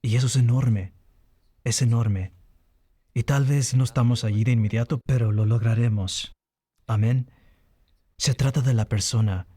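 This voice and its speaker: A man's voice: medium pitch, fairly even intonation, moderate pace, long pauses, dark tone, slightly rough, dry recording. A man preaching a sermon in an earnest teaching manner, lifting his voice on key points.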